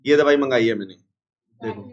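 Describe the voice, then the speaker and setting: A man teaching an accounts class, unwell with a strained chest, repeating formulas slowly and scolding noisy students. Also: mid-range voice, muffled recording. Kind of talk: classroom lecture.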